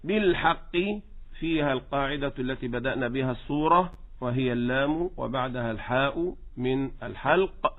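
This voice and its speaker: A man teaching Quran recitation rules, patiently correcting and slowly modeling each word. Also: medium pitch. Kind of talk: tajweed lesson with recited examples. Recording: tinny phone-like line.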